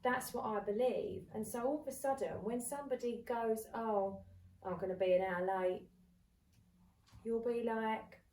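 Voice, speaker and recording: Here the podcast co-host, a woman in her thirties, has a fairly high voice and a moderate pace, animatedly acting out what others said in casual chat. The echoey room and her distance from the mic leave the audio faintly hissy or humming.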